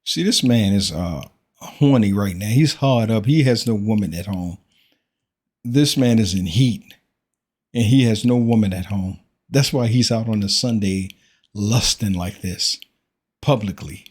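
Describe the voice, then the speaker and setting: A man with a husky, slightly rough voice who hosts a reaction commentary. He criticizes what he hears in a preachy tone and keeps pressing with rhetorical questions. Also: fairly low pitch, a little slow, a little mellow.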